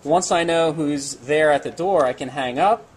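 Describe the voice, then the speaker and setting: A man in his forties demonstrates a technical product informally and in plain language, inside what seems to be an equipment lab or demo room. He speaks at a normal speed with a voice on the high side, and room noise is clearly audible behind him.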